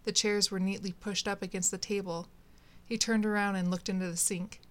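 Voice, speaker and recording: A woman narrating a short story aloud in a steady, measured way. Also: medium pitch.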